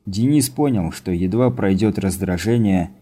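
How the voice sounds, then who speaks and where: A man reading a science fiction audiobook as narrator, in steady scripted narration. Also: sits low, moderate pace, breathy edge.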